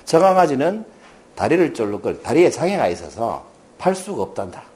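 A man's voice: medium pitch, sing-song, brisk, a little mellow, natural voice. A man voicing a kindly middle-aged pet shop owner who patiently answers a boy.

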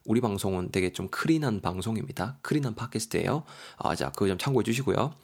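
A man's voice: fairly low pitch, lively intonation, fast talker, slightly rough. A man with a Gyeongsang accent hosting a podcast English vocabulary lesson in a playful, joking way. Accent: Gyeongsang Korean. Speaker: English teacher, podcast host.

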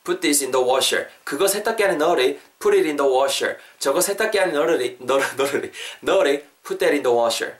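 A young man runs an English lesson podcast, repeating phrases for his listeners to copy. His voice sits somewhat high for a man. The recording is roomy and taken from some distance off the mic. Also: moderate pace, hardly any pauses, a little hiss or hum. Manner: lively, repetitive drilling of phrases. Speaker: English teacher and podcast host.

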